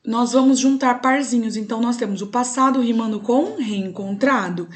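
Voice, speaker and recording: A young adult woman teacher with a Brazilian Portuguese accent gives a recorded online class. Her voice sits a little high, and she explains patiently step by step, checking in with her students often. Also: moderate pace.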